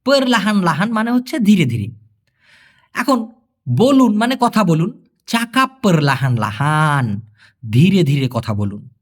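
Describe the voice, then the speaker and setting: A man teaching a spoken language lesson, repeating each phrase slowly and then translating it word by word. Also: high voice. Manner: lively, sing-song delivery.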